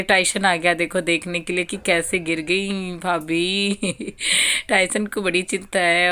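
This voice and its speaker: A woman's voice: mid-range voice, sharp tone, clear, resonant tone. A young woman from India with an Uttar Pradesh Hindi accent, narrating her home vlog in a chatty way, laughing often and calling her viewers guys. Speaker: vlogger. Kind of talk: casual vlog voice-over.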